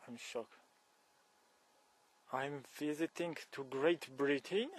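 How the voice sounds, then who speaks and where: A man's voice: on the high side, takes it slowly, a little hiss or hum. A young Polish man speaking broken English with a Polish accent, joking through a one-sided phone call outdoors on a bike trail. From Poland. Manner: broken English, exclamations of shock. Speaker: cyclist vlogger. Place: outdoors on a forest trail and fields. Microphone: camera held close at arm's length.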